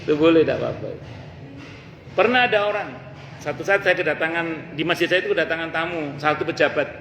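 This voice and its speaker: A man gives a mosque study sermon, telling stories with jokes and acting out the people he quotes. His voice sits somewhat high for a man. It rings through a large echoey hall over a faint hum. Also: fairly quick, gravelly, fairly bright tone. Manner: humorous storytelling, acts out quoted speakers. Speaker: preacher teaching a study circle.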